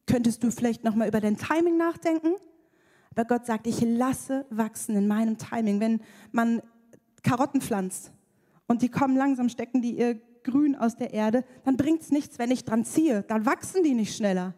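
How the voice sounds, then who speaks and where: A woman giving a lively, playful sermon, acting out voices as she preaches. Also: a little high, normal speed. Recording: reverberant hall.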